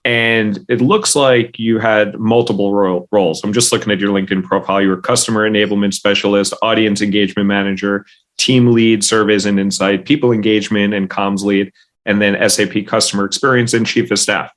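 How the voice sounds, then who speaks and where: A man hosting a podcast interview, asking questions in a friendly, halting way with frequent restarts. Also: fairly low pitch, fairly even intonation. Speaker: podcast host. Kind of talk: casual interview conversation.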